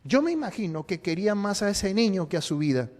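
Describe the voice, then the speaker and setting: A man's voice: high voice, big pitch swings, brisk, darkish tone. A man preaching a sermon in a church, joking and quizzing his congregation. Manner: playful, jokes and quizzes the congregation. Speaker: pastor. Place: church sanctuary. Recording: long church hall reverb.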